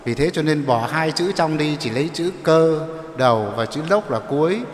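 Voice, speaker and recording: Priest preaching in an echoey church. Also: male voice, a little high, animated, normal speed. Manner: explanatory, asks the congregation questions. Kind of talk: sermon. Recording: echoey church with long reverb.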